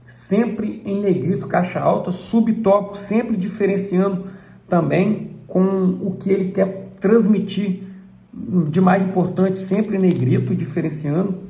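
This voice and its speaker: A church elder with a Brazilian Portuguese accent teaches from a book, pausing often to point things out. His voice sits fairly high but sounds mellow and gravelly. The recording carries a noticeable room echo. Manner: points things out with frequent "look" asides. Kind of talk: explaining a book page by page.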